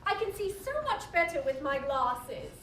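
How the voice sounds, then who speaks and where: A woman's voice: high voice, lively intonation, moderate pace. A woman playing a female sex-advice doctor who hosts a comic talk show, courteous, soothing and playfully grand. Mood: curious. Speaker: show host. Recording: echoey live venue, distant, noisy audience.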